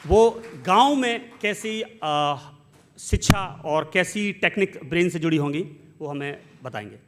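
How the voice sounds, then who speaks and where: A man's voice: sits high, lively intonation, unhurried, a little hiss or hum. A man acting as emcee at a launch event, formally introducing the next speaker into a stage microphone in a hall. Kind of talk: stage announcement.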